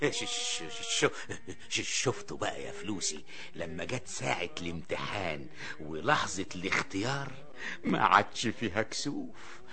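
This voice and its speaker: A doting, cackling Egyptian miser in a drama. The voice sits fairly low but swoops extravagantly, with theatrical glee and tenderness for money. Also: male voice, huge pitch swings, unhurried, heavily acted. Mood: gleeful, doting. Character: gleeful old-style miser doting on his money.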